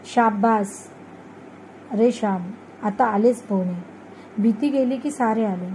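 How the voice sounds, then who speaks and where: A woman reading a storybook aloud voices a kind young village man who gently coaxes a scared boy. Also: fairly high pitch, slow, a little hiss or hum, low-quality recording. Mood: praising. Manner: gentle, coaxing instruction.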